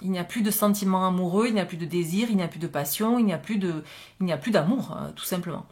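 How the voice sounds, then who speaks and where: A woman giving a spiritual love card reading, with a gentle, reassuring manner, thinking aloud as she goes. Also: fairly low pitch, quick pace. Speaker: oracle card reader.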